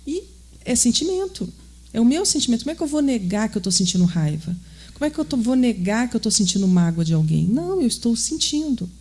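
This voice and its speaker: A woman's voice: mid-range voice, warm tone. A woman from Brazil with a Minas Gerais accent, giving an earnest, conversational spiritist lecture that often puts questions to the audience. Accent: Brazilian Portuguese, Minas Gerais. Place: spiritist center hall.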